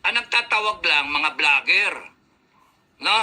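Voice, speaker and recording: Angry ranting man, sharp bright voice. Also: lively intonation, measured pace, rough recording. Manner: angry ranting, cursing, Tagalog mixed with English; swings between shouted outbursts and low, controlled lecturing. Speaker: political commentator. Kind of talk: heated political commentary.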